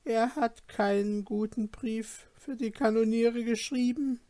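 A gossipy old housekeeper drawls her guesses in a slow, sly, raised voice, as a male narrator puts her on. The recording is dry and close. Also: extremely high pitch, fairly even intonation, mellow, no echo, voice pushed up.

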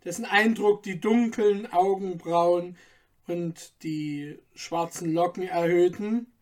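Woman reading an old story really slowly, steady and calm. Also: on the low side. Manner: measured, unhurried storytelling. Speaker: narrator.

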